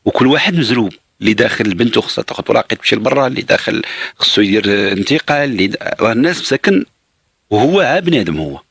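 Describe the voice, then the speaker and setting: A man's voice: medium pitch, expressive, racing, creaky, a bit bright, slightly rough, dry recording. A Moroccan man hosting a radio call-in show, explaining options to a caller in a patient, reassuring way. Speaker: radio advice host.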